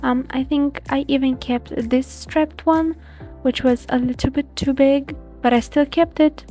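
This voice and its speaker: Chatty young woman vlogging, high soft mellow voice, rambles n jokes about herself. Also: steady tone, a little slow, soft background music. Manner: chatty, rambling, self-deprecating. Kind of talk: casual vlog chat.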